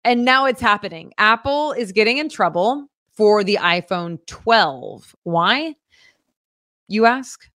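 A woman co-hosting a casual local news show, chatting in an upbeat, animated way. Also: medium pitch, slow pace, dry recording, studio quality.

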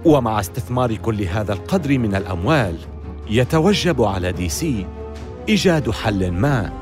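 A man's voice: on the low side, expressive, moderate pace, music in the background. A man reading scripted documentary narration with a dramatic, storytelling delivery.

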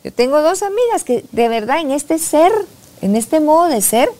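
A soft-spoken woman psychologist talking reflectively in a casual podcast conversation. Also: high-pitched, sing-song, moderate pace. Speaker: psychologist guest.

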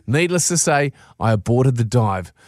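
A man's voice: mid-range voice, lively intonation, moderate pace. A man co-hosting a radio show in a casual, blokey, slangy way, chatting and telling stories in a studio. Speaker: radio co-host. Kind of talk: casual radio chat and animated reading aloud of a comic anecdote.

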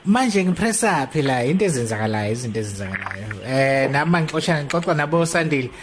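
Male radio co-host, Zulu accent, quick and casual, clearly noisy clicking recording. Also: medium pitch, very animated.

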